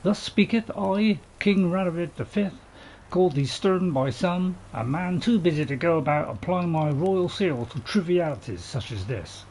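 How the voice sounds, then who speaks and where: A man acts out a pompous storybook king reading a royal decree. The voice is creaky and stately, declaiming over faint background noise. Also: fairly high pitch, expressive, normal speed, darkish tone, poor audio.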